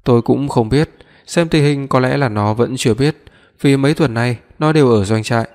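A man doing a gruff, jovial old commander. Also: mid-range voice, moderate pace, darkish tone, lightly acted. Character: older military commander, proud father. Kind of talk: audiobook reading. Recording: long reverb.

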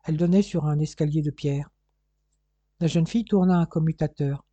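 Dark, husky audiobook narrator. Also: medium pitch, normal speed, no room sound, lo-fi sound. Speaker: audiobook reader. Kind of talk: scripted narration of a detective novel.

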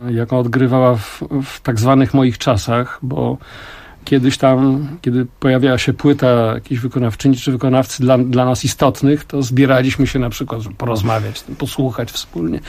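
An older man with a mid-range voice talks thoughtfully in a radio studio interview. He weighs his words and pauses often as he explains his craft. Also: mid-range voice, darkish tone. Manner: reflective, measured, with frequent pauses. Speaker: song translator and musician, guest.

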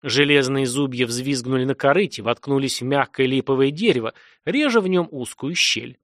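A man reading a dark fantasy audiobook in a dramatic, swelling narration. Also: medium pitch, normal speed, no room sound, studio quality.

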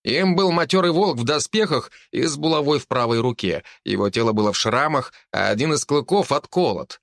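A man reads a fantasy novel aloud in a steady storytelling voice at a middling pitch. The recording is dry and close, with no room echo. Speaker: narrator. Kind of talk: audiobook narration.

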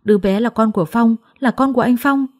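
A woman's voice: a little high, fast, pitched above the performer's own voice, natural voice. A woman voicing a distraught young pregnant wife who pleads her case. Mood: desperate.

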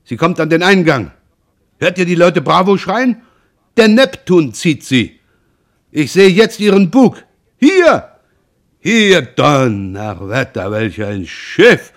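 A man reading aloud, voicing an excitable, hurried older father who shouts excitedly. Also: on the high side, pitched above the performer's own voice, full character voice.

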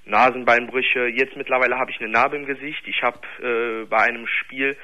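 A man's voice: mid-range voice, little pitch movement, normal speed, pushed and bright, lo-fi sound. A nineteen-year-old man from Germany calling in to a radio show, hesitant and searching for words. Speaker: caller. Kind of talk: phone-in conversation.

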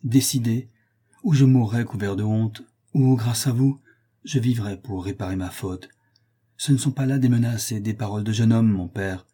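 A man's voice: on the low side, moderate pace, dark tone, slightly rough. A man reading the part of a young viscount who pleads with his father and then schemes aloud. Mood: pleading.

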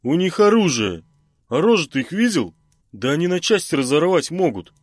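A man voicing an indignant young newcomer who flares up quickly in an audiobook. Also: fairly high pitch, lively intonation, no echo, studio quality, voice pushed up, natural voice.

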